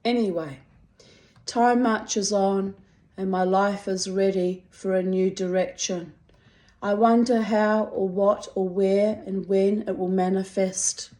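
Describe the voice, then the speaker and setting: A middle-aged woman with a strong New Zealand accent reads her own personal writing aloud in a wry, deliberate, dramatic way. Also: medium pitch, steady tone, dark tone. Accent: strong New Zealand (Kiwi). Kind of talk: expressive reading of personal confessional prose.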